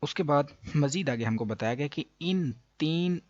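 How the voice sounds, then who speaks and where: A man teaching a beginner Quran reading lesson, explaining slowly with pauses and drawing out each letter sound to demonstrate. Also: a little high, lively intonation, darkish tone, no echo, lo-fi sound. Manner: slow and explanatory, with frequent pauses and fillers. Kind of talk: patient spoken lesson.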